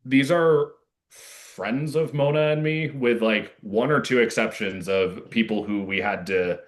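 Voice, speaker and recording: At medium pitch, a man being interviewed about his work as a playwright and actor chats casually. He sounds earnest, stops and starts, and leans heavily on "like."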